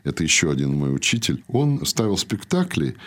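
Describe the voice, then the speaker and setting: An older man, a teacher, recounting anecdotes in an interview with a trained stage voice and lively delivery. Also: low voice, fairly quick. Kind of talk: conversational storytelling.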